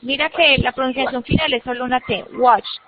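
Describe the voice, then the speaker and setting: Her voice sits high, her tone is steady, and she talks fast. She is teaching English online, going through things patiently step by step and saying words for students to echo back, captured on a video-call computer mic with muffled, dry sound.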